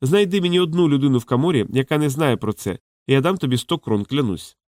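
A man's voice: mid-range voice, expressive, quick pace, a little mellow, dry recording, studio quality, pitched above the performer's own voice, lightly acted. An audiobook reader voicing a young male thief who talks in a raised, wry and indignant way.

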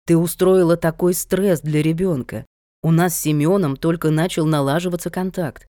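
A woman's voice: low voice, fairly even intonation, normal speed, dark tone, no echo, studio quality, lightly acted. A woman voicing a manipulative man who talks down to his fiancée in a coaxing, condescending way, in an audiobook reading. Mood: weary irritation.

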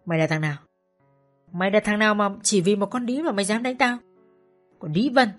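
A coarse, foul-mouthed older thug, short and fat, who sneers and yells his insults in a voice pushed higher and louder than the reader's own, as a woman narrator puts him on. Faint music runs underneath. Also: brisk, close to an everyday voice. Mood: abusive, sneering. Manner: crude, abusive, shouting. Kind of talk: audiobook story reading.

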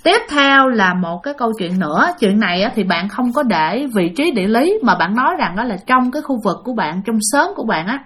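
A woman's voice: medium pitch, fairly bright tone. Chatty woman storyteller. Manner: chatty, addresses listeners often, many fillers. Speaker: storyteller of spirit tales. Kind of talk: casual spoken storytelling to listeners.

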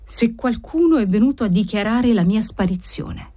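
A man's voice: high-pitched, expressive, normal speed, dark tone, voice pushed up. A woman voicing a meek, sickly man who talks plaintively and feebly, reading a novel aloud.

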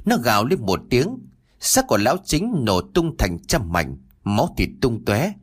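Expressive male audio story narrator. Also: mid-range voice, measured pace, slightly rough. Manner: expressive, dramatic reading.

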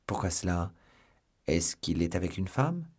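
A man's voice: low voice, big pitch swings, a little slow, darkish tone, breathy edge, heavily acted. A man voicing a bold young swordsman. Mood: eager, surprised. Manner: eager, ironic.

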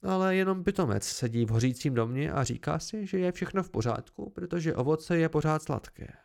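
A man voicing a weary, scornful fae man who talks in a sulky, dismissive way, with a gravelly voice. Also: a little high, lively intonation, darkish tone. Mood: grudging.

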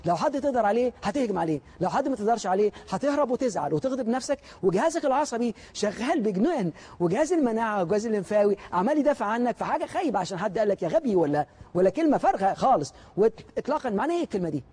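A man gives a motivational lecture in an Egyptian Arabic accent, speaking very quickly. His voice sits high and has a husky edge. He leans on rhetorical questions and acts out other people's words to drive his points home. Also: animated, darkish tone.

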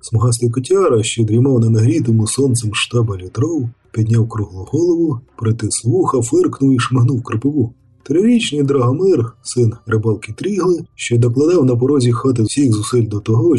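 Husky male audiobook narrator. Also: mid-range voice. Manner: measured, even storytelling. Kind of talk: scripted narration.

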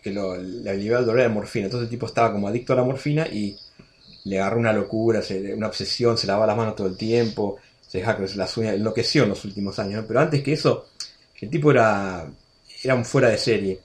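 Speaking fast in a low-leaning voice, this Argentine man in his sixties chats as a radio guest, telling stories with plenty of restarts and asides. There's slight background noise in the casual storytelling interview.

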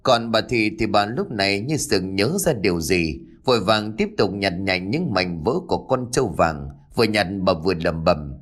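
Low-voiced man narrating a ghost story. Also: moderate pace, hardly any pauses. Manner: dramatic, expressive storytelling.

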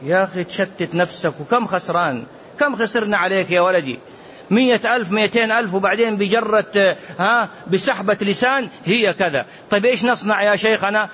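Animated middle-aged sheikh teaching. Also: male voice, sits high, brisk. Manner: animated, rhetorical questions, mock dialogue. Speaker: sheikh giving a lesson. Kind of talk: religious lesson answering questions. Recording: dull lo-fi recording with faint hiss.

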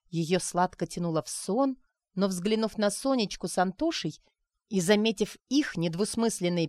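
A woman narrating an audiobook in an even storytelling manner. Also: mid-range voice, no echo, clean studio sound.

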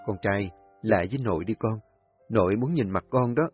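A man voicing a young father who urges his son gently. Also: on the low side, a little fast, soft background music, natural voice. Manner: gentle urging. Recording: dull lo-fi recording.

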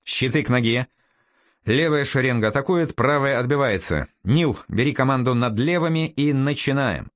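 A man voicing a scarred veteran commander who speaks curtly and gives sharp orders like a drill sergeant. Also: mid-range voice, lively intonation, normal speed, no echo, clean studio sound, voice pushed up, natural voice. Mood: commanding. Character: stern scarred male commander, curt and commanding.

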